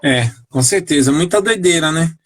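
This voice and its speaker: A man's voice: on the high side, expressive, moderate pace. A middle-aged man co-hosting a live stream, agreeing and reflecting in a casual chat. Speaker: co-host of a couples live stream.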